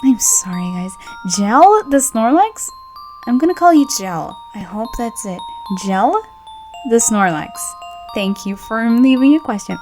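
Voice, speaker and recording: In a casual fan Q&A, a young voice actress who hosts her own channel and speaks Brazilian Portuguese natively chats in a bubbly, giggly, playful way. Her voice sits high with a darkish tone.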